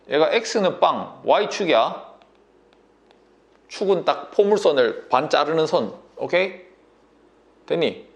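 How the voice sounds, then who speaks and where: Male math tutor, gravelly and lively, bossy casual checks, sore throat. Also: a little high. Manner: bossy, coaxing banmal, constant checks like "인정?" and "됐니?". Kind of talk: whiteboard math lesson.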